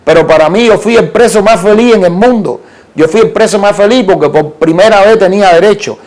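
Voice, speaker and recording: A man from Cuba with a Cuban Spanish accent, telling an animated story as an interview guest, with halting restarts and repeated words. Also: high voice. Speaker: interview guest, art collector.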